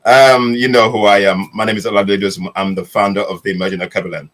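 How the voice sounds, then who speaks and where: A man's voice: on the low side, little pitch movement, fast, fairly bright tone, low-quality recording. A man hosting an online panel, welcoming listeners with emphatic greetings. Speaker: host.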